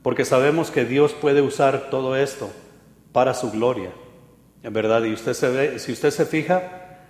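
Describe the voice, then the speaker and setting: Pastor preaching in an echoey hall. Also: male voice, mid-range voice, fairly even intonation, measured pace, a little mellow. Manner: conversational, asks listeners for agreement. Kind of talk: sermon.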